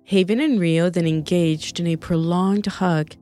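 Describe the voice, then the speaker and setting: A woman reading a story aloud, narrating in an even, descriptive way. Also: on the low side, a little slow, faint music behind. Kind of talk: scripted narration.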